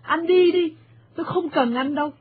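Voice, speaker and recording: A woman's voice: very high voice, normal speed, voice pushed up. A woman voicing a distraught, tearful young wife in a radio play, pleading, over a tinny broadcast.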